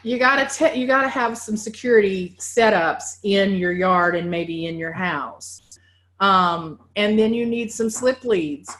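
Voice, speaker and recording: A woman's voice: mid-range voice, measured pace, fairly bright tone, a little hiss or hum. Conversational woman dog trainer. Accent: Southern US. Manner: conversational, frequent "right?" and "um". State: getting winded. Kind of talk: training talk for foster volunteers.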